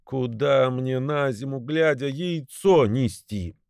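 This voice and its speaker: A man's voice: medium pitch, slow, vocal fry, a little mellow, clean tone, no echo, clean studio sound, voice pushed up. A man voicing a fretful, complaining old mother goose in a storybook reading. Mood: gloomy. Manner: plaintive, complaining.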